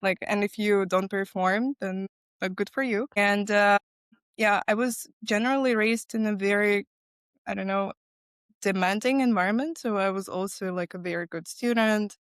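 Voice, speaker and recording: A young woman from Ukraine speaks with a Ukrainian accent, candid and unpolished, often pausing on "like" as she looks for the right English word. Her voice is close and dry, with no room sound. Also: medium pitch, clean tone, no echo. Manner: candid, searching for words, frequent "like". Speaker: guest. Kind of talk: casual interview chat.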